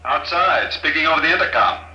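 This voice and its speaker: An actor playing a cold, smug villain speaking over an intercom, in 1950s radio drama style. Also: male voice, a little high, a little fast, pushed and bright. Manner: smug, coolly mocking. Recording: roomy, muffled old radio recording.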